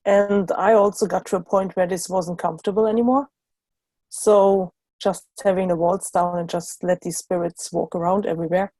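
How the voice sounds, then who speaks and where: German-born woman guest, calm and steady, warm low-key voice, dry close sound. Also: normal speed, no echo. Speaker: guest facilitator. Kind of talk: casual online talk.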